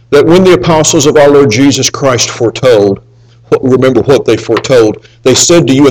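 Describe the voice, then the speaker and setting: Reading scripture during his sermon, a mid-range-voiced preacher alternates between loud, emphatic passages and quiet asides. The audio quality is low.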